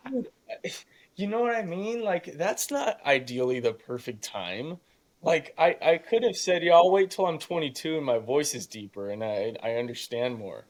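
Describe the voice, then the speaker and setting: The voice is a man's, a little high, expressive and unhurried, and youthful enough that it still cracks now and then. He is eighteen, a young real estate investor guesting on a podcast, sharing casual, emphatic motivational stories and acting out imagined dialogue.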